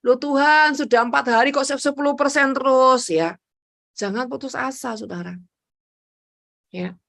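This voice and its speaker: A woman evangelist preaching a sermon, emphatic and animated, acting out her own prayers. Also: high voice, unhurried, creaky.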